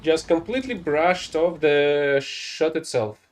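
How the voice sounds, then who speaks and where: A young gameplay streamer whose first language isn't English casually commentates his own play, rambling, correcting himself, and sounding mildly exasperated. His voice is a little high and expressive, and he speaks at a measured pace.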